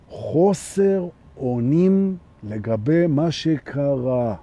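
A man giving a live-streamed spiritual talk on anger, animated, who repeats phrases for emphasis and keeps asking his listeners "right?". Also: a little high, husky. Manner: acts out little everyday scenes. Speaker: spiritual teacher.

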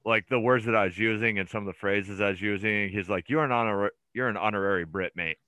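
A man's voice: fairly low pitch, quick pace, bright, forceful tone, smooth, dry recording. A man chatting as a podcast guest, rambling through stories with lots of fillers and restarts. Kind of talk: casual chat.

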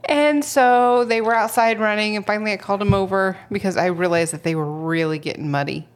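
A woman co-hosting a podcast who tells stories in casual chat, animated and laughing often. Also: medium pitch, fairly quick, slight background noise. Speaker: podcast co-host.

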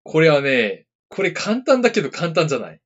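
A man's voice: fairly high pitch, wildly swooping pitch, brisk, slightly rough. A man in casual chat, quizzing his co-host on words with a teasing, hint-giving manner. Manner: teasing quizmaster, gives hints. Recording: dull lo-fi podcast audio.

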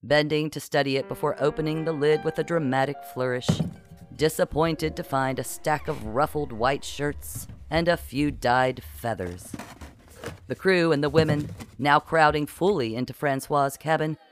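An audiobook narrator reading a comic pirate story in a lively, playful way. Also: medium pitch, normal speed, faint music behind.

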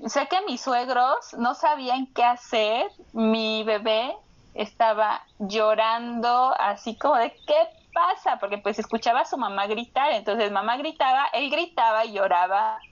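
A young woman earnestly recounting a home birth, acting out remembered speech in lively bursts. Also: fairly high pitch, measured pace, lo-fi sound. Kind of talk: casual personal account.

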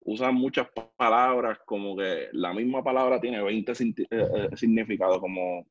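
A man's voice: fairly low pitch, moderate pace, dry recording, highs cut off. A man from Puerto Rico with a Puerto Rican Spanish accent, a podcast guest telling stories in a blunt, slangy way. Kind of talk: casual storytelling conversation.

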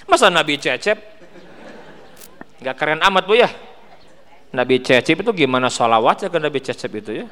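A man with a West Javanese accent giving a lively sermon, joking and asking the congregation questions. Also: on the high side, moderate pace, pauses often, in a large hall. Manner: animated, teasing, asks the crowd questions. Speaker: preacher. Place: mosque hall.

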